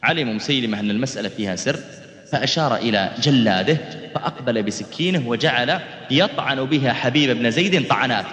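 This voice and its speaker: A man preaching and telling a story in a dramatic, rhythmic style with sweeping swings in pitch. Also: sharp tone. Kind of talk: sermon storytelling. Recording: reverberant hall.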